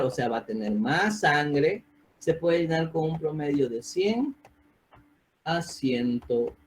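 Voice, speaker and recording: Man, medical lecturer, slightly high voice, quizzes the class, video-call mic. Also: darkish tone. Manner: asks the class questions, checks with "¿sí?". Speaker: physiopathology lecturer. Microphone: computer mic on a video call.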